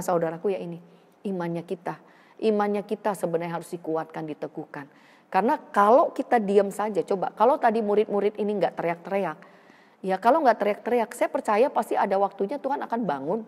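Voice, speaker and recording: A woman's voice: lowish voice, darkish tone, in a large hall. A woman pastor, preaching a sermon in a conversational way and addressing her congregation directly again and again. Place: church hall.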